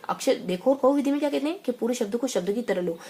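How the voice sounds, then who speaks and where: A woman teaching an exam-prep lesson in a chatty way, repeating phrases and throwing in quick asides. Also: on the high side, expressive, warm tone, slight background noise.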